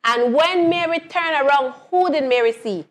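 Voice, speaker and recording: A woman's voice: sits high, normal speed. A woman leading a Bible lesson, retelling the story and asking her co-hosts questions. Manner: asks questions and answers them herself, repeating phrases.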